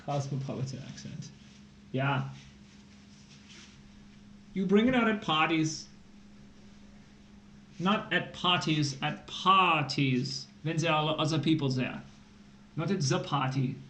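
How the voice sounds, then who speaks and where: A man's voice: fairly high pitch, slow, pauses often, pushed and bright, slight background noise. A man hosting a live-streamed tutoring lesson, explaining math problems in a playful, jokey way.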